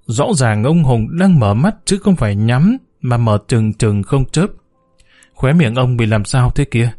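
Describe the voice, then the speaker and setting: A man's voice: medium pitch, mellow. A man reading a suspense story aloud with dramatic storytelling. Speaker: narrator. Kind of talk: audiobook story narration.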